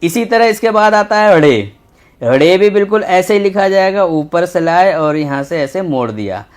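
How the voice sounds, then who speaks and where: Guy teaching little kids urdu letters, kinda high voice, slow and patient, says each letter twice. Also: animated. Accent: Indian Urdu. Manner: patient, slow, repeats letter names while writing. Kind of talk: textbook lesson for young children.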